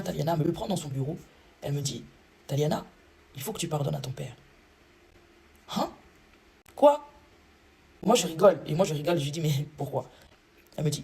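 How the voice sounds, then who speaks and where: Fast, gravelly woman. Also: sits low, dark tone, slight background noise. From Congo. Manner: earnest first-person storytelling. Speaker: vlogger giving a testimony. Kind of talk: personal faith testimony.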